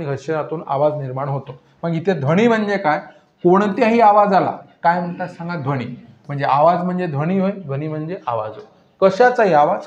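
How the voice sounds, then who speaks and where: A male teacher with a high voice runs a grammar lesson, firing questions and answering them himself, drilling each point by repetition. The recording is roomy and echoey, with a dull, lo-fi sound.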